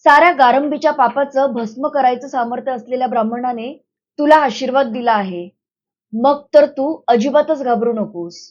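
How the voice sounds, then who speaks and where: A woman's voice: high-pitched, normal speed, lo-fi sound. A firm, protective village man, as a woman reads him. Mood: firm, tender. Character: strong-willed grown village man, bold and protective.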